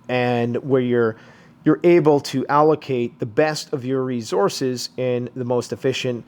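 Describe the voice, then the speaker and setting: A man with a voice worn hoarse from illness, giving rambling, casual commentary on the news as the host of his channel. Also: medium pitch. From Canada. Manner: rambling, conversational, frequent "you know" asides.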